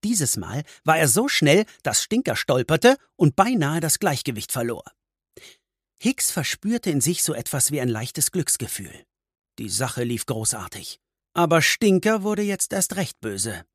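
A man narrates a storybook with a husky, slightly breathy voice. His pitch rises and falls lively through each sentence, and the sound is dry and close. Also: unhurried, no room sound. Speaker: audiobook narrator.

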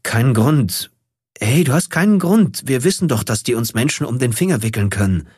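A gentle young man comforting someone in an audiobook, as a male narrator plays him. His voice sits a little above the narrator's own and stays soft and reassuring. The recording is dry and close. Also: mid-range voice, animated, normal speed, slightly rough, no room sound, voice pushed up. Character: calm young man soothing a friend.

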